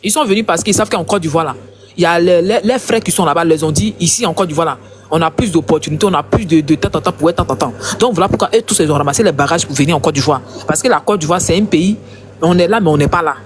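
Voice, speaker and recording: A man's voice: fairly high pitch, fast talker. A man with an Ivorian accent giving heated online commentary, passionate and emphatic, repeating his points.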